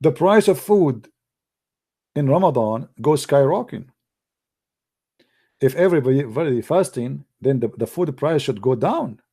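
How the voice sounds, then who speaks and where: A man delivering an animated, sarcastic ranting monologue in broken English grammar, often breaking into mocking laughter. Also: mid-range voice, normal speed, pauses often, slightly rough. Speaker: online commentator.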